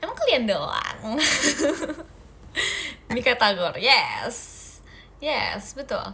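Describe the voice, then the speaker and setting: Brief: playful young woman from Indonesia, idol livestream host, bright and crisp, a touch high-voiced. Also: very animated, very slow. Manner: playful and teasing, giggly. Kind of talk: casual livestream chat answering viewer comments.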